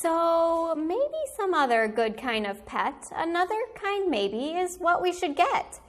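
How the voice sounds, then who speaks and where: Reading a picture book the way a kindergarten teacher might, a woman speaks in a high voice and lingers over every phrase. Her animated storytelling is pitched at small children, and she goes slowly.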